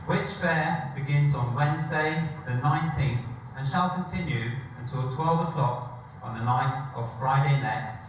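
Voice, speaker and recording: Male proclamation reader, town crier manner, measured declamation, very slow, dull distant echoey recording. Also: fairly high pitch, a little hiss or hum. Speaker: official reading the Mayor's proclamation. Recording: echoey hall from far off, dull.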